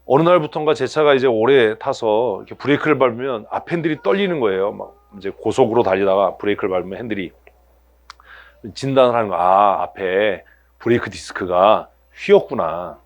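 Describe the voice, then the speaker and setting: In a church sanctuary, a male pastor preaches a sermon, asking his congregation rhetorical questions and acting out everyday scenes in other voices. His voice is mid-range, with lively intonation and a quick pace.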